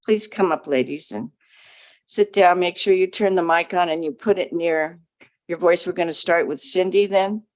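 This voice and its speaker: A woman chairing a planning commission meeting, reading procedural rules and gently directing testifiers to the table microphone. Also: on the low side, moderate pace. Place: county planning commission hearing room.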